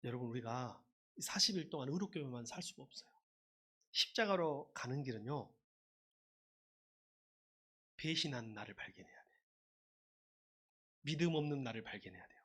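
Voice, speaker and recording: Bright-voiced male pastor preaching a sermon. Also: medium pitch, brisk, slightly rough. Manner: lively preaching, leads the congregation in loud call-and-response shouts.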